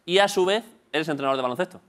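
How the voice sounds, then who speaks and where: A man's voice: fairly high pitch, rapid-fire, fairly bright tone. A man hosting a talk show, teasing his guests in casual, joking chat. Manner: playful, teasing, stumbles and restarts.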